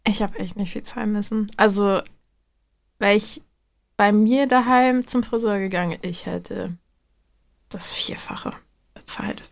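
A woman's voice: medium pitch, fairly even intonation, a little slow, vocal fry, long pauses. A young woman from Hamburg telling a story in casual chat, chatty and giggly. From Hamburg, Germany.

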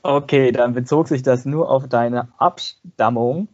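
A man's voice: medium pitch, a little slow, dull audio. A man hosting a company podcast, asking interview questions from a plan and slipping in jokes. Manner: jokey, reads questions from a plan.

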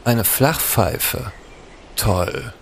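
A man's voice: on the low side, drawn-out words, gravelly, soft background music, full character voice. A man playing a self-mocking hip, childless uncle in a spoof app commercial, talking in casual hipster slang. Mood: smug, casual.

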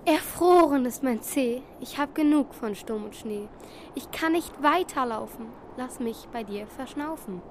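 A woman's voice: high voice, expressive, measured pace, darkish tone, a little hiss or hum. A woman voicing a cold, pleading male red fox in a family reading of a rhymed storybook. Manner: whining, pleading rhymed lines.

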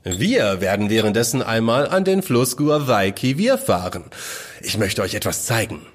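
A man's voice: on the low side, big pitch swings, moderate pace. An actor playing a friendly, hospitable plantation owner in an audio play, who welcomes his guests and explains things patiently. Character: friendly adult male orange plantation owner.

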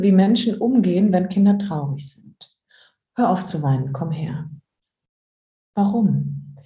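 A woman's voice: medium pitch, warm tone, echoey room. A woman as a podcast interview guest, explaining reflectively with everyday examples and rhetorical questions. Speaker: interview guest, emotions coach.

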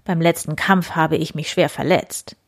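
A woman's voice: deep voice, steady tone, moderate pace, vocal fry. A woman voicing a proud, hearty medieval count in a storybook reading.

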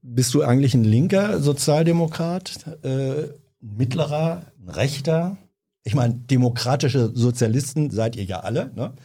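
A male interviewer with a mellow, warm tone asks his questions at an ordinary pitch. He jokes and corrects himself casually as he goes. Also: animated, normal speed, breathy edge. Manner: joking, self-correcting. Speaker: podcast host, interviewer.

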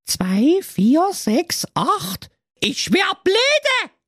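A shrill, whiny fairy-tale girl of fifteen squeals her lines high above a normal voice, her pitch leaping all over, as a man acts her out. She is bratty and crude. The sound is dry and close. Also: huge pitch swings, extremely slow, a bit bright, no room sound, full character voice. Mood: bickering. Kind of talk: comic fairy-tale parody.

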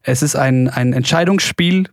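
A male podcast host explaining a game and firing off quick either-or questions in a brisk, upbeat way, with many fillers. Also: medium pitch, no room sound, studio quality. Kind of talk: quick-fire question game and sports chat.

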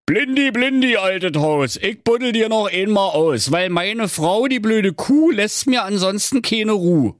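A man's voice: sits high, animated, unhurried, few pauses, no room sound, clean studio sound, pitched above the performer's own voice. A man voicing a good-natured, henpecked excavator driver who pleads and grumbles about his wife. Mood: chanting. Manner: pleading, exasperated, rhyming chants. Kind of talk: comic fairy tale reading.

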